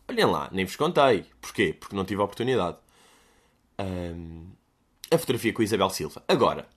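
Lively, jokey European Portuguese man. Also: low-pitched, fairly quick, slightly rough. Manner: jokey, self-mocking, with mock-dramatic asides. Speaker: podcast host. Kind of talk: casual solo chat answering listener questions.

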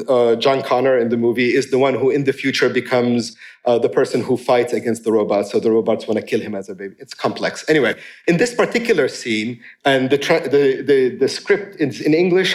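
Animated man giving a lecture. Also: medium pitch, a little fast. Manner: animated, full of "you know" fillers, wry humor. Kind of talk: academic conference talk. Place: lecture room before an audience.

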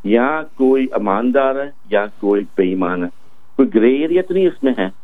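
A man talks very fast over a tinny phone line. He is insistent, repeats his words and switches between Urdu and English. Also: mid-range voice, expressive. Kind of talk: heated discussion mixing Urdu and English.

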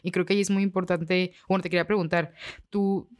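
A woman's voice: fairly low pitch, level tone, fast talker. A woman host, asking an interview question after a thoughtful lead-in.

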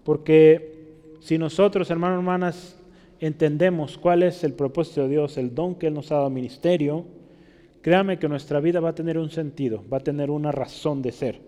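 A man's voice: fairly high pitch, fairly even intonation, normal speed, warm tone, big-room sound. A man preaching a sermon as a pastor, teaching steadily and often checking in with his listeners with tag questions.

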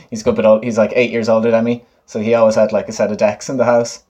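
Casting: man, late 20s, west of Ireland accent, low voice, casual and informal interviewee. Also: level tone, fairly quick, darkish tone. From Galway, west of Ireland. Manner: informal, often laughing. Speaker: guest, musician and DJ.

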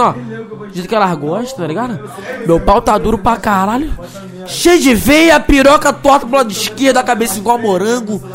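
High-voiced man yelling rowdy shout-outs. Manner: crude, rowdy, yells names and laughs. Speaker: DJ giving shout-outs on his podcast mix. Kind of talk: hyped shout-out session over a mix. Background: funk music beat.

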